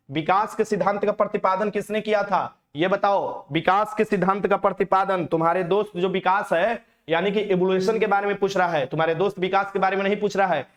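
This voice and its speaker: Man with high voice, exam coaching teacher, teasing, repeats questions. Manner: teasing, repeats questions, mixes in English words. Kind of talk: live online quiz lesson.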